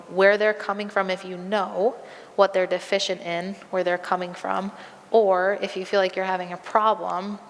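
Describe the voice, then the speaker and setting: A woman's voice: on the low side, vocal fry, long reverb tail. A woman veterinarian answering audience questions at a live presentation, conversational with frequent ums, and losing her voice. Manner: conversational, many um fillers, practical.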